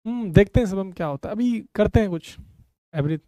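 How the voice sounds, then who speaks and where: A man's voice: high voice, expressive, fairly quick, dark tone, no echo. A man teaching a physics class online, calling students "beta" and explaining step by step in a conversational way.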